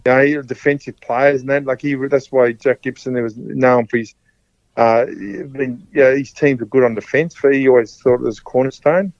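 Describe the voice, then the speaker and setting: A man's voice: mid-range voice, steady tone, normal speed, darkish tone, no echo. A man in his fifties with an Australian accent, a podcast guest telling stories casually, rambling and often repeating and restarting his words. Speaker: podcast guest, former rugby league player. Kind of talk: casual storytelling. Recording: dull, dry sound.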